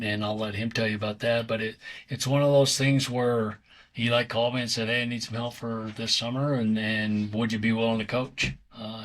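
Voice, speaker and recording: Male coach, sixties, mid pitch; relaxed, hesitant delivery. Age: 60s. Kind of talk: casual interview talk.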